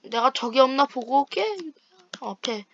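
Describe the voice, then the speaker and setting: A woman's voice: sits high, expressive, moderate pace, highs cut off. A woman hosting a gaming channel, chatting with a friend over voice chat while playing online and trash-talking playfully. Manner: playful teasing trash talk.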